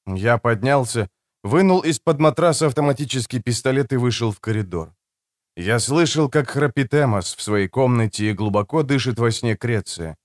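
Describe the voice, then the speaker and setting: A man narrating a first-person action story with tense, dramatic delivery. His voice sits in a middle pitch but moves a lot, and the studio sound is close and dry. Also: dry recording. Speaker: audiobook narrator.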